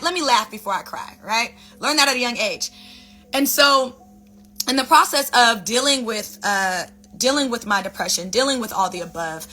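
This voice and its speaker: A woman with a fairly high, sharp-toned voice hosts her own vlog, speaking casually and expressively to viewers. As a wellness speaker giving a relaxed motivational talk to camera, she repeats phrases for emphasis and calls her audience "baby" and "you guys."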